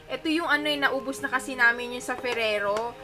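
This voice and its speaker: Chatty Filipino mom vlogging at home. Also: female voice, sits high, a little fast. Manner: chatty, addresses viewers as sisters, mixes in English. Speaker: vlogger and young mother. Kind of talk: casual home vlog chat. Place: bedroom at home. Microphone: camera on a tripod.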